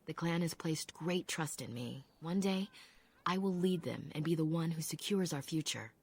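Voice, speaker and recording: An actress playing a calm, proud elf apprentice who speaks in a measured, reflective way with a low husky voice, from a game. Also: female voice, heavily acted. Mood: solemn.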